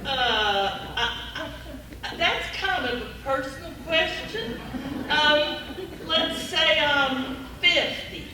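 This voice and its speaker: A woman's voice: high voice, lively intonation, takes it slowly. A woman playing a coy country comedienne as a game show parody contestant, speaking hesitantly. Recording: distant mic in echoey noisy room.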